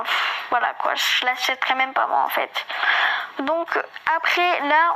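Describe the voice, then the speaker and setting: Girl rambling thru a game tour, high bright voice, lots of euh and enfin, bit of a lisp. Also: poor audio. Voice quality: slight lisp. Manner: hesitant, many fillers and restarts. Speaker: gaming video creator. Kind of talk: casual game walkthrough commentary.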